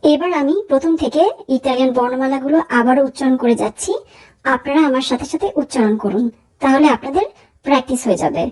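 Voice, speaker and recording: A young woman teaching a language lesson, saying letters slowly and carefully for learners to repeat. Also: sits high, darkish tone, low-quality recording. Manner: slow, careful pronunciation drills. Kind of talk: spoken alphabet lesson.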